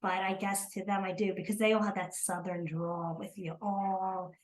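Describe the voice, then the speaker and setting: Poor audio carries this medium-pitched, fairly monotone woman's voice at an ordinary pace. She is an older South Jersey native with the area's accent, hesitantly chatting in an interview, full of ums and restarts.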